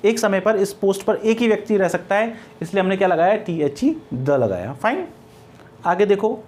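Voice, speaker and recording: A man's voice: high-pitched, animated, normal speed, darkish tone, a little hiss or hum. A middle-aged man with an Indian accent teaching English grammar, explaining step by step and answering his own questions. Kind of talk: classroom grammar lecture.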